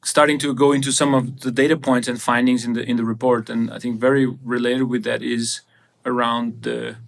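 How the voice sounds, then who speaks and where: A man with a medium-pitched, gravelly voice hosts a podcast interview. Speaking with a level tone and fairly quickly, he asks his questions hesitantly, searching for the right words.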